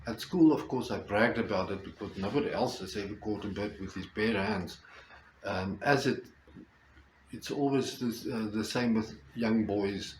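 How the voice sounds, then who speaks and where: An older man with a South African accent and Afrikaans as his first language, telling a personal story reflectively with halting, deliberate phrasing. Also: lowish voice. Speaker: storyteller, host. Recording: roomy echo with faint background noise.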